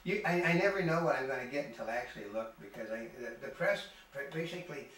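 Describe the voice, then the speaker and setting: An older man reporting on a film festival in casual chat, rambling and halting with many restarts. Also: medium pitch, expressive, fairly bright tone. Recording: echoey room from far off, faint ambience.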